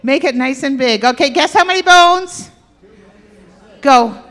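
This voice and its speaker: Higher-pitched woman presenter, playful audience quiz, voice ringing in a reverberant hall. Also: animated, measured pace, a bit bright. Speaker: health workshop presenter. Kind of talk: interactive talk to an audience. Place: church hall with stage and aisle. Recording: echoey hall.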